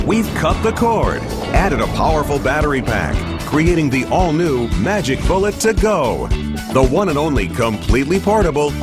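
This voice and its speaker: Animated male infomercial announcer over music. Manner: emphatic hard-sell infomercial pitch. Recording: music bed under the voice.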